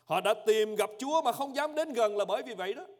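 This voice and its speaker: A man preaching a sermon as pastor in a church, emphatic and swinging between loud cries and hushed low phrases. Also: animated, fast talker, in a large hall.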